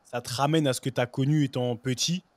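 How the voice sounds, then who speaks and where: A man in mid pitch telling stories from his playing days with loose, lively energy. He peppers his talk with "you know" and stray English words. The sound is close and dry, with no room around it. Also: brisk, dry recording. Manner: lively anecdotes, "tu vois" fillers, bits of English. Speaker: guest, former pro footballer. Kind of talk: casual storytelling chat.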